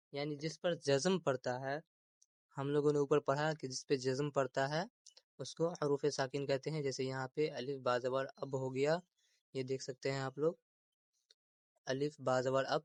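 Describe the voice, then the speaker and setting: A man's voice: medium pitch, dry recording. A man teaching an Urdu grammar lesson, repeating terms and asking rhetorical questions as he explains, with English words mixed in.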